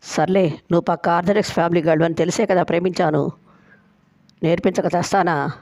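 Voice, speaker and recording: A woman's voice: fairly low pitch, fairly even intonation, a little fast, darkish tone, no room sound, lightly acted. A woman storyteller voicing a boastful, playful young man who agrees to every condition.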